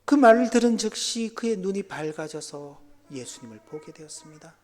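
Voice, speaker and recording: A male pastor preaching a sermon, dropping to near-whispers and then rising to loud, exclaiming passages. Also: high-pitched, animated, moderate pace, faint music behind.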